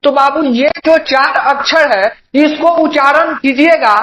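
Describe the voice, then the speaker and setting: A man's voice: extremely high pitch, a little slow, a bit bright, reverberant, rough recording. A young male teacher, giving an online grammar lesson and repeatedly asking and answering his own questions. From Bihar, India. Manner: repetitive call-and-response questioning, addresses students as "babu".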